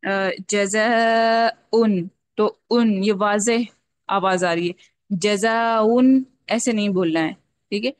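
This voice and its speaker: A woman teaching a Quran recitation class, explaining patiently step by step and slowly drawing out sounds to demonstrate them. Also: mid-range voice. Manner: checks in often with a repeated "okay". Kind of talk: online tajweed lesson.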